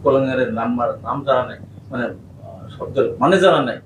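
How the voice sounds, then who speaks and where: A man's voice: mid-range voice, fast talker, noisy background. Fiery Bangladeshi man at a rally. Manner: impassioned, rising to shouted chants. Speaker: political speaker at a protest rally. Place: outdoor or hall rally. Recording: echoey, distant PA sound with faint ambience.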